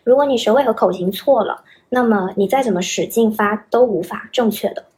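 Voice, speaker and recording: A woman's voice: fairly high pitch, brisk, darkish tone. A young woman, an English teacher, patiently explaining pronunciation as a podcast guest and demonstrating sounds as she goes. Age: young adult.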